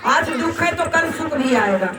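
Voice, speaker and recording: A woman preacher telling a devotional story in an earnest, animated way, often calling her listeners sister. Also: high-pitched, a little slow. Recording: roomy hall, distant mic, crowd noise.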